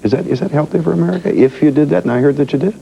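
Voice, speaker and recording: A man reading television news and then hosting a studio interview in a measured, formal manner. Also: fairly high pitch, vocal fry, dark tone, a little hiss or hum. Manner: measured, formal newsreader delivery. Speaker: TV news anchor and talk show host. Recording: dull lo-fi 1990s TV audio.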